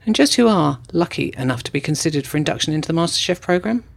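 Gravelly man narrating formal documentary. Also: a little high, animated. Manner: measured, formal reporting. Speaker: narrator, correspondent.

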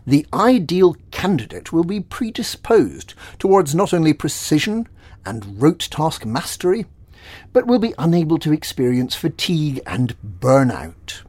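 A smug, secretive male recruiter, played by a man with a thick Slavic accent, who clips every syllable with exactness. His voice is husky and swings widely in pitch. The recording is dry and close, as in an audio drama. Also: big pitch swings, unhurried, a little mellow, dry recording.

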